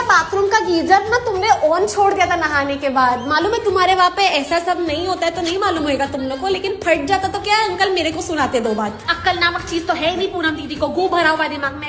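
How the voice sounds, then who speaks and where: A woman's voice: very high-pitched, brisk, hardly any pauses, a bit bright, reverberant. A woman playing a stingy, two-faced middle-aged aunty who is sweet to her guest and grumbles under her breath. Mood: sweet, grumbling. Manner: sweet to the guest's face, muttering complaints aside.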